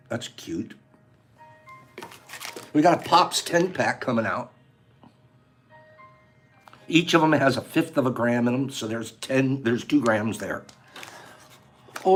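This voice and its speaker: Male livestream host, casual chat, lively swooping pitch, slightly high voice, faint music behind. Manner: animated, chatty, reading out viewer names.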